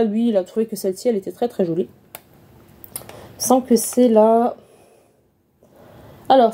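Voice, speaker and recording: A woman vlogger chatting casually through a beauty haul, repeating words and filling pauses. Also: a little high, mellow, husky. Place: room at home.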